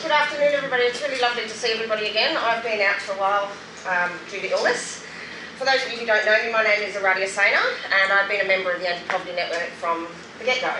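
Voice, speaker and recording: A middle-aged Australian woman from an anti-poverty group speaks very fast as a guest at a public event, sharing her personal story. Her mid-range voice is emphatic, candid and dryly witty, captured by a distant microphone in a roomy, echoing venue with clear noise.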